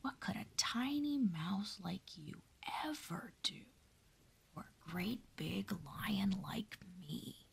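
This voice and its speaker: Woman doing a boastful male lion, gruff, gravelly whisper, whispered role-play storybook. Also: medium pitch, sing-song, takes it slowly, a little hiss or hum, full character voice. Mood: mocking. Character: big proud male lion, grumpy and boastful.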